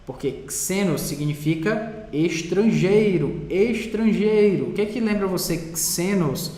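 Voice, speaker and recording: A Brazilian man teaching a Greek lesson in a Portuguese classroom style, patient and repeating words slowly while writing on a board. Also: high voice, a little mellow. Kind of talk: classroom lecture. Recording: roomy hall echo.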